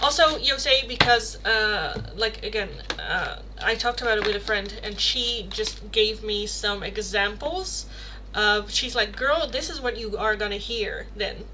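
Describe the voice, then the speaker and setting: Her pitch is medium and her pace unhurried as this young woman, speaking with a Dutch Rotterdam accent, hosts a casual tarot livestream. She rambles chattily through viewers' questions with many fillers and self-corrections, against a noisy background.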